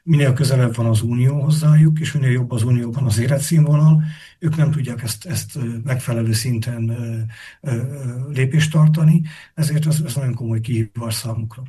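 A male analyst with a warm, darker voice and a faintly husky edge. He answers at length in a measured, explanatory way, stopping often to think aloud. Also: medium pitch. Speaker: political analyst guest. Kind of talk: interview answers.

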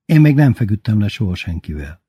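A man's voice: lowish voice, sing-song, warm tone, slightly rough, dry recording, clean studio sound. A man voicing a shy, earnest teenage son who blurts out his answers.

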